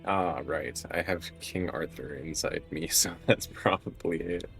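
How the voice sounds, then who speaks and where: A man's voice: very deep voice, a little slow, creaky, a bit bright, soft background music. A man doing casual livestream commentary on a game, talking in a wry, joking way. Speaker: game streamer.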